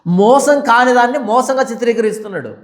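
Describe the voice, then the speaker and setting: Male pastor, high-pitched, fiery scolding sermon delivery, echoey room. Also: animated, a little fast. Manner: fiery, rhetorical questions, scolding. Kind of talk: Bible study sermon.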